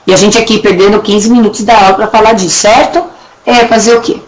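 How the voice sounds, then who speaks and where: A woman teaching a recorded Portuguese grammar lesson with a Brazilian accent, chatty, checking in often with her students and slowly stretching words to show how they are pronounced. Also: medium pitch, steady tone, low-quality recording. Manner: drags words out slowly to demonstrate pronunciation. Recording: faint background noise and clicks.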